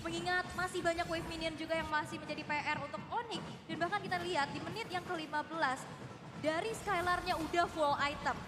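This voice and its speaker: A woman's voice: very high-pitched, fairly even intonation, brisk. An Indonesian woman co-commentating live on an esports match. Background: music.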